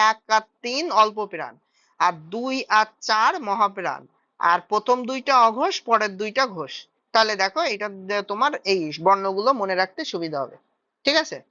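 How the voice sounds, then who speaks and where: A woman's voice: mid-range voice, pushed and bright, muffled recording. A woman teaching a grammar lesson for exam preparation, explaining step by step and checking that students follow.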